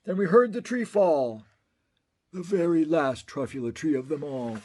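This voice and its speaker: Animated man reading a children's story. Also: fairly high pitch, normal speed. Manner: rhythmic, theatrical delivery of rhyme. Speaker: storybook reader. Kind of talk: expressive children's story read-aloud.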